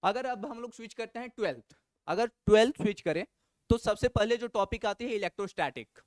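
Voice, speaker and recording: A man's voice: high-pitched, brisk, dry recording. A man teaching physics, going through an exam analysis and repeating his key advice with emphasis.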